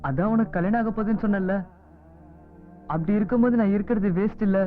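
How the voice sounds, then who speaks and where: A man's voice: sits high, quick pace, natural voice. A man dubbing a devoted, desperate teenage schoolboy in film dialogue, speaking in an earnest, pleading way. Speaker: dubbing actor. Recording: tinny lo-fi film audio with music score.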